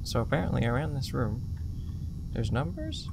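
A man giving casual, jumpy commentary while playing a horror game, mumbling, swearing, and shouting at the game. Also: medium pitch, huge pitch swings, moderate pace, vocal fry. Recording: loud background noise.

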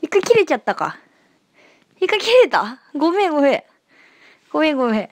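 A woman hosting a casual livestream and chatting to her viewers over a phone mic, playful and giggly, slipping into dialect and rough slang. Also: sits high, big pitch swings, fairly quick, dry recording. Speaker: livestream host. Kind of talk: casual livestream chat reading viewer comments.

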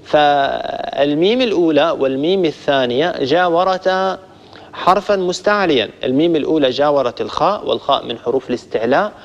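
A man gives a recitation lesson in a slightly raised voice, going step by step and slowing down to demonstrate each sound. He speaks to his listeners as a group. The recording carries a long reverb and a dull, lo-fi tone. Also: a little high. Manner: addresses listeners warmly as a group. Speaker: Quran recitation teacher. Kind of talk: instructional lesson on pronunciation.

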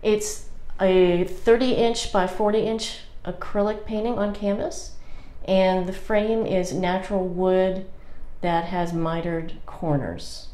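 A woman in her fifties, a painter introducing her work in a measured, explanatory way with small fillers, recorded by a camera a few feet away in her home studio. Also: on the low side, dark tone. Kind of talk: scripted artist introduction. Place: home art studio, indoors. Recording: echoey room.

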